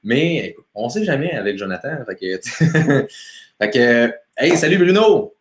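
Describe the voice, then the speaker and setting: A chatty young man with a Quebec French accent hosts a casual live stream, greeting viewers by name and laughing easily. His mid-pitched voice swings up and down with lots of life. The sound carries a roomy echo. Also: very animated, unhurried. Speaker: motivation coach hosting a live stream. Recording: echoey room.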